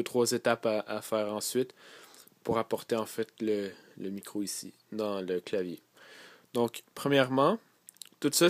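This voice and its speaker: A man with a Québécois French accent, calmly walking viewers through a device setup tutorial step by step, with frequent fillers. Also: medium pitch, dry recording. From Quebec. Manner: relaxed, many fillers, explains step by step. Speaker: tech tutorial host. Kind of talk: casual screen-recorded tutorial.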